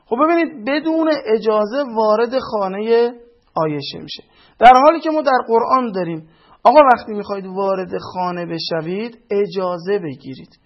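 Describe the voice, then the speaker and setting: High-voiced man giving critical commentary. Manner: argumentative, citing sources. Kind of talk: critical commentary on film clips. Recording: dull lo-fi audio.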